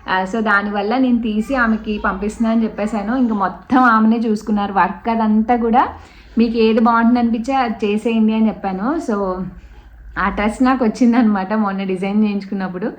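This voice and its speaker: A woman's voice: on the high side, fairly even intonation, brisk. Woman vlogger chatting away at home, drops in english "so" and "and" a lot, roomy sound. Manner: chatty, mixes English fillers like "so" and "and" into her talk. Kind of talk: casual show-and-tell vlog. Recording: roomy home room with faint background noise.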